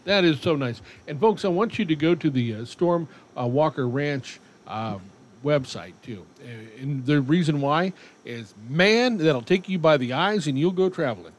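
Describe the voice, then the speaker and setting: A man's voice: on the high side, animated, normal speed. A man hosting a radio interview in a casual, folksy and enthusiastic way. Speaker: radio show host. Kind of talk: casual on-air interview chat. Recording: clear background noise.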